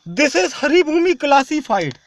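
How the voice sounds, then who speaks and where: Man, Indian English accent, very high voice, repetitive, halting, ranting home video monologue. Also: very animated, no room sound. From Tamil Nadu, India. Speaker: self-styled swami.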